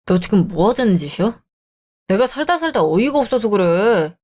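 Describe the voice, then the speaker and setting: A woman's voice: mid-range voice, very animated, normal speed, close to an everyday voice. A woman voicing a selfish, dismissive young married man in a radio drama, talking scornfully. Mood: angry. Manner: scornful, bickering. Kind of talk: Korean radio drama acting.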